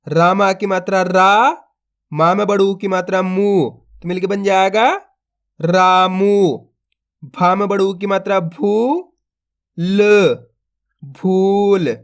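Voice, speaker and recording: A man's voice: sits high, flat delivery, normal speed, a bit bright. A man teaching a phonics lesson, sounding out each syllable and then stretching the blended word, speaking patiently to viewers he calls friends. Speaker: Hindi reading teacher.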